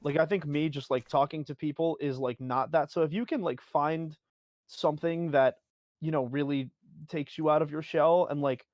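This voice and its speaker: A man's voice: fairly high pitch, fairly even intonation, normal speed, a little mellow, dry recording, clean studio sound. A man giving casual advice on a livestream, phrasing hesitantly in short bursts full of filler words. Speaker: livestream guest with a music performance background.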